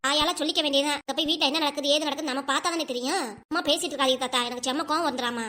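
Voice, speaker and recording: A high, bright, very fast-talking old grandmother in a cartoon, voiced by a woman, crying as she heaps reproaches on her husband. She speaks a southern Tamil Nadu dialect, and her voice stays sharp and quick throughout. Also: steady tone. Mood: tearful scolding. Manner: rapid, reproachful scolding. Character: upset old grandmother, wife over sixty. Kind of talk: cartoon voice acting.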